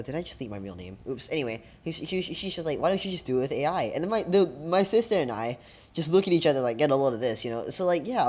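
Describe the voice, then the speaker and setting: A man's voice: on the high side, darkish tone, a little hiss or hum. A young man hosting a casual podcast, rambling and poking fun at himself. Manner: rambling, self-mocking, talks over bits. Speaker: podcast host.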